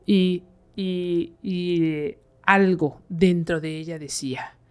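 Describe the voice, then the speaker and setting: A woman with a notably low voice recounts a chilling tale as a podcast guest. She talks casually, leaning on fillers like "eh" and "este" as she goes. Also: steady tone, takes it slowly, a little mellow, clean tone. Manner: conversational, many fillers like "eh" and "este". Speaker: guest storyteller. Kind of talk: telling a horror story on a podcast.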